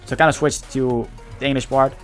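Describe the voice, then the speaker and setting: A male livestreamer, Dutch by first language, chats casually in English with a lingering Dutch accent and a mid-range pitch. His intonation is fairly even, and he talks haltingly, often restarting phrases as he searches for words, with faint music in the background.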